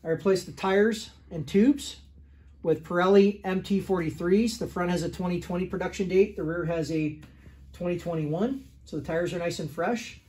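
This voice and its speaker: A man's voice: high-pitched, normal speed, a little mellow. A young man who runs a restoration shop, casually walking through a motorcycle's details in a matter-of-fact way, recorded on a handheld phone in an indoor workshop. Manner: plain, matter-of-fact listing of details with fillers. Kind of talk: casual product walkaround.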